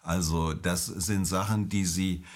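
A middle-aged man, an emergency doctor, answering interview questions in a calm, measured, explanatory way. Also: low voice.

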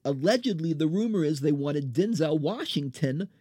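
A man's voice: fairly high pitch, expressive, moderate pace, mellow, breathy edge, dry recording, clean studio sound. A man hosting a solo podcast, ranting in a blunt, profane, riled-up way and often restarting his words. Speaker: podcast host.

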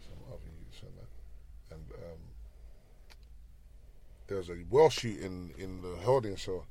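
Speaking in street slang with a South London roadman accent, this ex-garage MC and rapper relaxes into stories as an interview guest, ending lines with "you get me" again and again. He sounds low, unhurried, gravelly and warm, over a little hiss or hum.

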